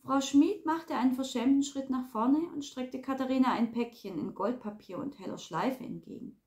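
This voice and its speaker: A woman reading a crime novel aloud in a calm, even narrating voice. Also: sits high, moderate pace. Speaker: reader.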